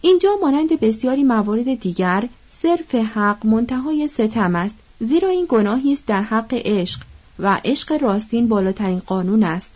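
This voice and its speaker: Woman reader playing a calm, patient older mother; gentle, reasoning, slightly lower. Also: dull audio. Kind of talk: audiobook reading.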